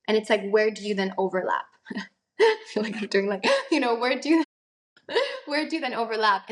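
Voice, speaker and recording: A young adult woman who acts and sings talks earnestly in a conversational interview, musing aloud with plenty of fillers. Her voice is mid-range.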